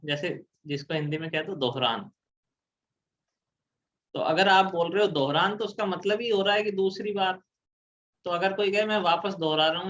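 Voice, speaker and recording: Male tutor, somewhat high-pitched, patient explanatory lecture style, muffled low-fidelity audio. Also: a bit bright. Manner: explanatory, asks and answers his own questions. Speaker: teacher. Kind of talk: exam prep grammar lecture.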